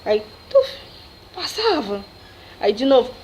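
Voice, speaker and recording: A young Brazilian woman vlogger telling a personal story to camera, animated and emotional, often laughing and acting out what people said. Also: a little high, slow pace, background noise. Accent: Brazilian Portuguese. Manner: animated, emotional retelling with laughs and dramatic quotes.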